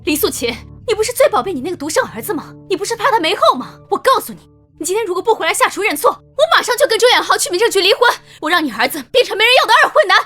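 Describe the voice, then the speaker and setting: A very high, bright-voiced young daughter-in-law in a melodramatic short drama. She is shrill, entitled and scheming, with a vicious temper and swooping intonation. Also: very animated, rapid-fire, faint music behind, full character voice. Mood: threatening. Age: young adult. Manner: shrill, accusatory, swings between tirades and coaxing.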